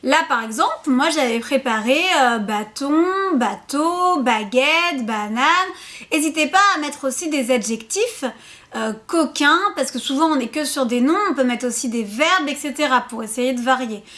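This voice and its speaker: A woman, a preschool teacher, patiently explaining a syllable game to parents, repeating words and sounding out syllables slowly. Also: sits high, a bit bright.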